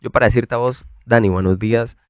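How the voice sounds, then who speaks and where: A man's voice: medium pitch, steady tone, fast, no echo, studio quality. A young man from Costa Rica on a faith podcast, joking and reflecting casually about his past. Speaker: podcast co-host.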